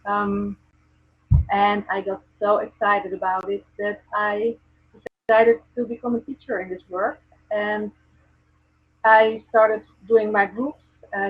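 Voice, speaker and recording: A Dutch-accented woman from the Netherlands, working as a presence coach, talks earnestly as a guest on a casual video call, with many ums and restarts. Her mid-range, slightly rough voice is steady and measured, and the audio sounds tinny and phone-like.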